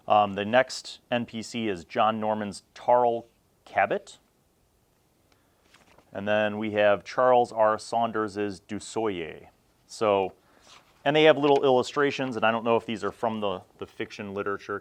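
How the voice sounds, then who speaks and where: An American man from Chicago hosts a retro gaming magazine review series, leafing through a magazine and rambling casually to camera as he thinks out loud haltingly. His voice is on the low side with a clean tone.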